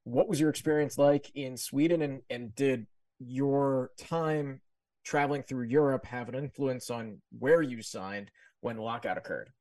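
A man's voice: mid-range voice, measured pace, darkish tone, no echo. A man hosting a podcast, laying out career details and names before asking his guest a question. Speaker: podcast host. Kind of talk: interview questions.

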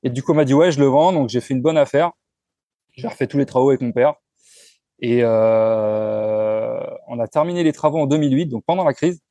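A man in his forties, speaking as an interview guest in a relaxed, frank way, often pausing and restarting his sentences. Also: mid-range voice, dry recording. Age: 40s. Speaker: entrepreneur guest. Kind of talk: casual conversational interview.

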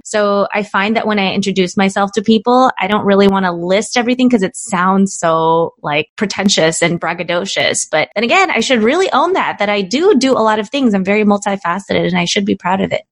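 A woman in her thirties, from the Philippines, speaks as a podcast guest. She talks in a reflective, expressive way, with casual fillers. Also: medium pitch. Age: 30s. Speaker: guest, business coach. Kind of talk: interview conversation.

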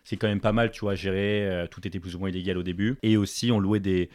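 Jeune homme parisien, voix grave et rapide. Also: male voice, deep voice, no room sound. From Paris, France. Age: young adult. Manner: relaxed, full of fillers and restarts. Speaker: podcast guest, entrepreneur. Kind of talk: casual interview chat.

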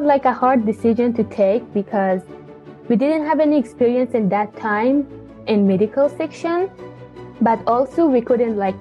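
A woman's voice: on the high side, lo-fi sound. A young woman from Afghanistan, a student engineer, answering earnestly in second-language English. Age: young adult. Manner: earnest, non-native grammar. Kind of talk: interview answers.

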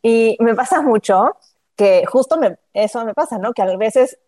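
A woman's voice: on the high side, expressive, a little slow, mellow, no room sound. A woman, hosting a podcast and talking things through in a reflective, conversational way. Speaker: host. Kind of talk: casual podcast chat.

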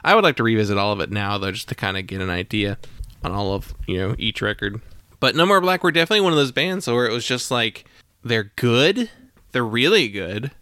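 A man hosting a podcast who talks in a relaxed, rambling way, laughing easily while chatting about music. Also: on the low side, a little fast, no room sound, studio quality. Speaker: podcast host. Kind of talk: casual chat.

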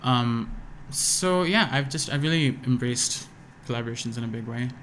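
A young man from Pakistan, here as a guest musician, chats casually on a podcast in an American accent, full of fillers, false starts and restarts. He speaks at a moderate pace in a mid-range voice that's a bit bright. Faint room ambience and slight background noise accompany him.

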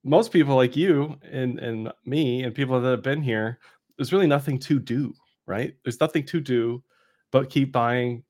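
A man's voice: mid-range voice, normal speed, darkish tone. A man co-hosting a podcast, explaining markets informally and often checking in with a tag question. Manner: informal, explanatory, punctuated with "right?". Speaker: podcast co-host, market analyst. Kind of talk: casual market commentary.

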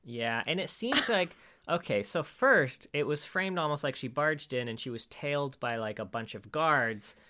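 A man's voice: a little high, expressive, moderate pace, noisy background. A man co-hosting a podcast, chatting casually about a movie with dry, sarcastic quips. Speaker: podcast co-host. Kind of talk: casual movie recap chat.

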